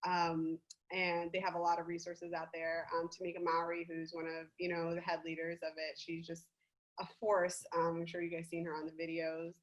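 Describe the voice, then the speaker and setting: A young woman from the United States, a guest on a casual podcast, talking in an animated, gushing way and laughing often. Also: fairly low pitch, normal speed, dull audio.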